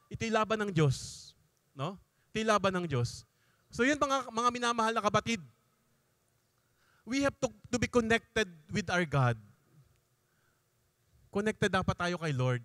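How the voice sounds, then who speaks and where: A man's voice: high voice, expressive, moderate pace, pauses often, bright, forceful tone, no echo, studio quality. A middle-aged priest giving a conversational talk to a youth gathering, switching between Tagalog and English with frequent asides. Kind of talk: sermon-style talk at a youth congress.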